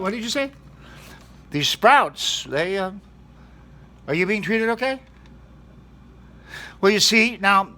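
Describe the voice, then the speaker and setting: A man's voice: high voice, sharp tone. A man hosting a mock-serious comedy talk show in a studio, earnestly questioning food as if it were a guest.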